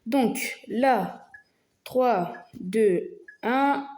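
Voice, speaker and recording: A woman's voice: fairly high pitch, very slow, a little mellow. A woman hosting a gaming video, talking through her gameplay casually and hesitantly, with lots of fillers and restarts. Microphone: phone.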